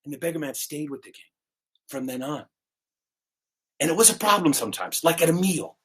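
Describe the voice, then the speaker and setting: A man in his sixties, an animated storyteller who acts out characters with shifting voices, over a video call. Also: a little high, brisk, slightly rough. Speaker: storyteller and musician. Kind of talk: oral folk-tale storytelling.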